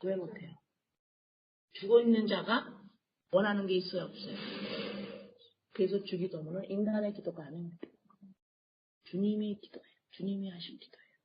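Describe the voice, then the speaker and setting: A woman pastor delivering a sermon. She fires questions at the congregation and answers them herself, and her voice swings between quiet and loud. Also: mid-range voice, steady tone, normal speed, pauses often, highs cut off.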